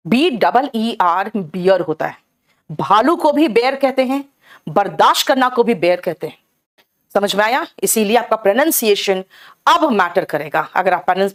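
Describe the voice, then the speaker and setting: A middle-aged woman teaching an exam-prep English lesson with an Indian English accent, calling her students "beta" and checking often whether they have understood. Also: medium pitch. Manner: addresses students as "beta", keeps asking "clear?" and "theek hai?".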